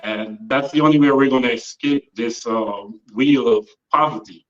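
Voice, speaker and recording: Guest author, a man in his forties from Guyana, measured and hesitant, recorded on a phone from some distance with dull sound. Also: medium pitch, a bit bright. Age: 40s. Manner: measured, trailing off with frequent uhs. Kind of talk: interview answers. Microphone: phone held by another person.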